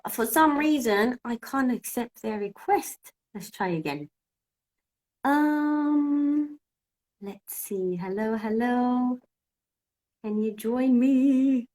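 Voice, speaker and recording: A Greek-speaking English teacher from Cyprus hosts a casual live-stream chat on her phone, thinking aloud while she sorts out technical trouble. Her voice sits on the high side, slow and darkish in tone.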